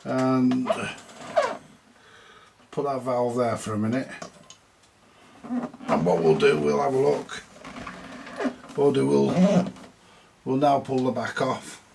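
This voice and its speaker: Working at an indoor repair bench, a vintage radio repairer with a British accent talks himself through the job in brief, plain, casual comments. He speaks slowly in a gravelly, sing-song medium-pitched voice with long pauses, over noticeable background noise and clicks.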